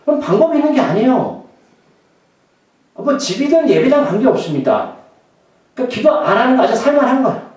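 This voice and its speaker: High-voiced pastor preaching in echoey hall. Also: male voice, sing-song, fairly quick, long pauses, a little mellow, far from the mic. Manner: conversational, asks the congregation questions. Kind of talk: sermon.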